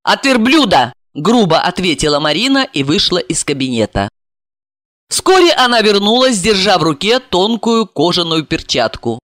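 An audiobook narrator reading a crime story in an expressive, storytelling manner. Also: medium pitch, normal speed, no echo, clean studio sound. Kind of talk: scripted narration.

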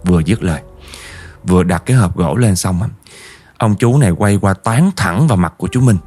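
Brief: Southern Vietnamese male ghost-story narrator, low mellow voice, faint music bed. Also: expressive, a little fast. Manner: vivid storytelling, addressing listeners directly.

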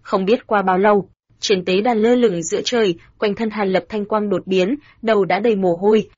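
A woman narrating a fantasy audiobook in a steady, even storytelling manner. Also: mid-range voice, normal speed, slightly rough, no echo. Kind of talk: scripted narration. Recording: dull, dry lo-fi sound.

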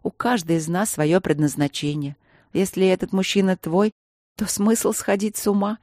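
A woman reading the part of a calm, fatalistic young sister who speaks softly, in a measured and reassuring way. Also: mid-range voice, no echo, clean studio sound, close to an everyday voice. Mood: calm gentle.

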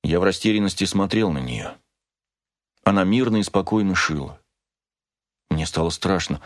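A man reading a novel aloud in the first person, with measured, steady storytelling. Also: low voice. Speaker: audiobook narrator.

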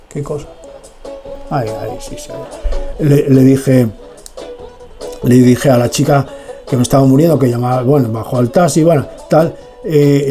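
A man's voice: mid-range voice, dark tone. Rambling radio storyteller, man. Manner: digressive, lots of "tal y cual" filler asides. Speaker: radio host. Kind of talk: rambling personal anecdote on radio.

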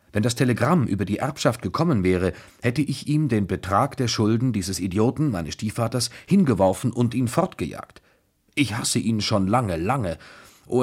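A proud young woman full of scorn, her words sharp and agitated, as a man reading the story gives her voice. the tone is husky and sits fairly low, with only a slight lift for her. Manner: bitter, agitated speech.

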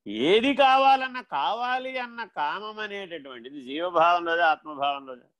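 A man with a slightly high voice delivers a spiritual discourse. He swings between loud, pointed questions and low, quiet asides. He slows right down on key terms and acts out short exchanges himself. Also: animated. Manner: acts out dialogue in his own voice. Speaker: spiritual teacher.

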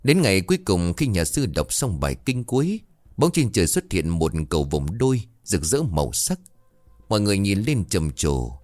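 A man narrating a ghost story with a dramatic, expressive reading. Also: low voice, normal speed, no room sound, clean studio sound.

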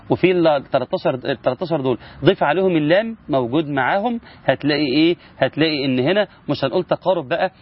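A man's voice: fairly high pitch, dull audio. A man with an Egyptian accent, teaching Quran recitation rules in a casual spoken lesson and asking his listeners rhetorical questions. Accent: Egyptian Arabic.

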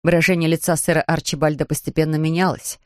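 A man reading a children's storybook aloud in a calm, measured way. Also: a little high, dry recording, studio quality. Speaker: narrator. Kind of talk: audiobook narration.

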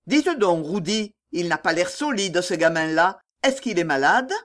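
A reader voicing a stern, cold older male factory director in a classic audiobook novel, speaking curtly and briskly. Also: mid-range voice, animated, fairly bright tone.

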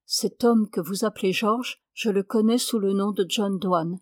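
A woman's voice: medium pitch, a little slow, no echo, close to an everyday voice. A woman reading the part of an earnest male reporter asking careful questions, in a dry close recording. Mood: probing. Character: probing male newspaper reporter.

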